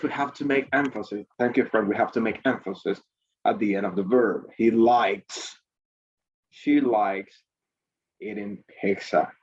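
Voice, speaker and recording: Slow husky-voiced male teacher. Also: on the low side, darkish tone, lo-fi sound. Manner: repetitive, prompting questions. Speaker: English teacher. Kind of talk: online class lesson.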